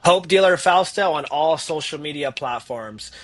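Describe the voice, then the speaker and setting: A man's voice: on the high side, expressive, moderate pace. A man telling his own story as a podcast guest, acting out the voices of the people in it. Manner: acts out voices in his stories, fillers like "like". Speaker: guest, therapist. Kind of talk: animated storytelling.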